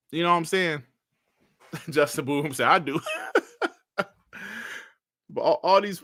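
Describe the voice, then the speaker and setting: A man in his forties chatting casually on a livestream, reading out chat messages and bantering with loud laughs and slang. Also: a little high, dry recording, studio quality. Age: 40s. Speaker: streamer reading live chat.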